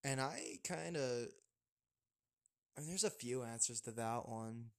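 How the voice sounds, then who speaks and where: A man co-hosting a casual podcast, relaxed and chatty, laughing often and restarting his sentences. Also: medium pitch, unhurried, gravelly. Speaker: podcast co-host. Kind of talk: casual chat.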